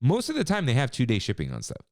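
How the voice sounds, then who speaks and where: Casting note: male podcast co-host, casual and animated, very lively pitch, dry close-miked sound. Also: quick pace, dry recording. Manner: animated, laughs often, acts out quotes. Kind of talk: casual chat.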